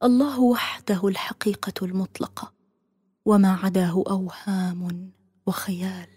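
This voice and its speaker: A woman's voice: mid-range voice, fairly even intonation, moderate pace, darkish tone, husky, dry recording. A solemn woman narrating a dramatic audiobook story, her voice often sinking to a near-whisper. It is recorded close and dry, with no room sound.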